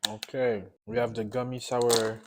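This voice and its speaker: A man's voice: mid-range voice, little pitch movement, measured pace, heavy background noise. A man giving a casual, unscripted taste-test review while eating sour candy, often repeating and rephrasing himself.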